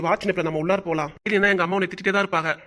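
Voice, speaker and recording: A woman's voice: on the low side, fairly even intonation, fairly bright tone, voice pushed down, close to an everyday voice. A woman voicing a doting young husband in a cartoon, soothing his wife and timid before his mother. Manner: soothing, rapid. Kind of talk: cartoon voice acting.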